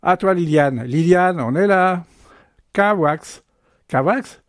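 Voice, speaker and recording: A man's voice: high voice, takes it slowly, dry recording, clean studio sound, faint music behind. A man playing a sarcastic, bossy middle-aged father in a comedy sketch monologue, teasing and talking down to his family. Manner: teasing, condescending, bickering. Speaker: father keeping score.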